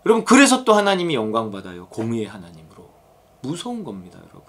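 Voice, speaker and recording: Animated Korean Bible lecturer. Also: male voice, medium pitch, quick pace. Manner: acts out characters' voices, exclaims and addresses listeners directly. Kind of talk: sermon-style Bible lecture.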